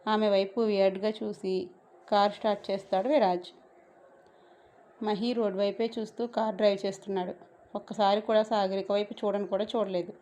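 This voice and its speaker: A woman's voice: mid-range voice, little pitch movement, fairly quick, warm tone. A woman narrating a scripted romance story and voicing every character herself.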